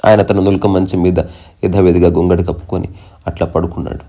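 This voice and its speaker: Low gravelly guy giving a spiritual talk, chants verses slow then explains them, mellow dark tone. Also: level tone. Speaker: spiritual teacher. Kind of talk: spiritual discourse.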